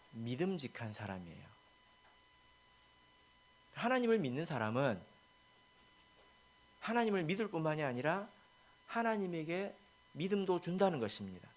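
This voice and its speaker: A man, a pastor, preaching a sermon, asking the congregation questions and moving from soft asides to loud, emphatic lines. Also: on the high side. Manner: asks the congregation rhetorical questions.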